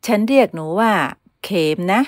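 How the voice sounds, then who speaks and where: A woman's voice: normal speed, dry recording, studio quality, close to an everyday voice. Woman putting on a bossy, scolding rich mother. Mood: kindly. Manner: loud, scolding.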